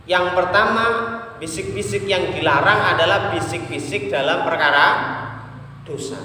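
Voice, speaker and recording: A man preaching a slow religious lesson, chanting Arabic verses now and then. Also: on the high side, a bit bright, distant mic. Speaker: Islamic preacher. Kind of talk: sermon. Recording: roomy hall, speaker away from mic.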